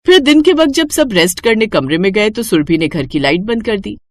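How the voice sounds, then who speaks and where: A woman narrates a storybook tale in a measured, storytelling way. Her voice rises and falls a great deal. The recording is dry and close, with no room sound. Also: medium pitch, big pitch swings, dry recording. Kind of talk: scripted narration.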